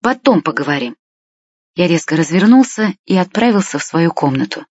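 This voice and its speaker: A woman narrates a first-person story in a calm, measured reading. Her voice is low and husky. The recording is dry and slightly muffled. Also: no echo. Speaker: audiobook reader.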